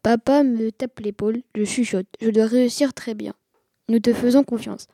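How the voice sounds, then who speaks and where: A woman narrating a first-person storybook in a steady reading voice. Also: fairly high pitch, normal speed, no room sound, studio quality.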